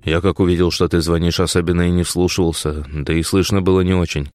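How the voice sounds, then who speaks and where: A man's voice: low voice, flat delivery, fast, darkish tone, no echo, natural voice. A man voicing a weak, bedridden older father in an audiobook, in a voice close to his own. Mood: weary. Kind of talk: audiobook character voice.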